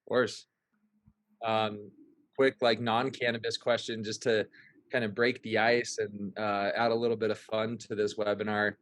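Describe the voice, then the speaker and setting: A man hosting a webinar panel, relaxed and easygoing, with lots of ums. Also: fairly low pitch, normal speed. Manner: relaxed, easygoing, filler-heavy. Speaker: webinar host. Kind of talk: casual hosting. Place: remote webinar call. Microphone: video call.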